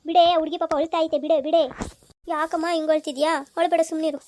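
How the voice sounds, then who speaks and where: A fussy old grandmother, played by a young girl, scolds and chides in a high, strained voice. The pitch sits well above ordinary speech. Steady hiss and noise run under the home-made recording. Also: a little fast. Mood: chiding. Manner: fussy and exasperated. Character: scolding grandmother, old woman breaking up a fight. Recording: clear background noise.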